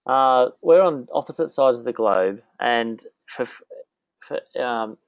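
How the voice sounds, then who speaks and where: A man's voice: mid-range voice, animated, takes it slowly, no room sound, dull audio. A man hosting a casual interview, rambling and often restarting his sentences. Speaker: host.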